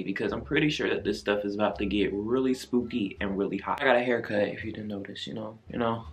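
A young man hosting a gaming video, reading a story game aloud with chatty, playful asides. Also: mid-range voice. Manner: chatty and playful, quick asides, reads dialogue softly. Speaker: gaming YouTuber.

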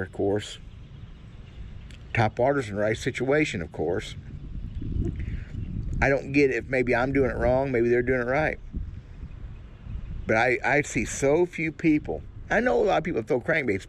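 Sitting in a kayak out in a cypress swamp, an older fishing vlogger rambles casually in a folksy manner. He speaks at a medium pitch, with slight background noise in the recording.

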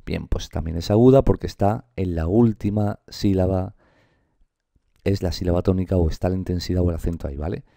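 A man's voice: sits low, vocal fry, mellow, no room sound, clean studio sound. A man with a Spain Spanish accent teaching an online grammar lesson, talking straight to his viewers and stretching out example words. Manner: explanatory, addresses viewers directly, drawn-out example words.

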